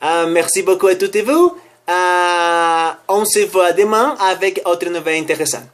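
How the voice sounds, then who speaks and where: A fairly high-voiced man with a foreign accent speaks as a non-native vlogger. His delivery is slow and halting, with frequent self-corrections as he hunts for the right word. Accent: foreign accent in French. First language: not French. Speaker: online language teacher and video host. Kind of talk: news commentary vlog for language learners.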